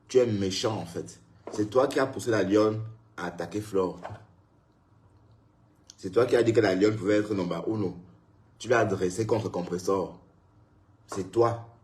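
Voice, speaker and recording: A man's voice: fairly low pitch, darkish tone. A man ranting in a casual live stream, scolding a critic and talking straight to his viewers, tired after his day.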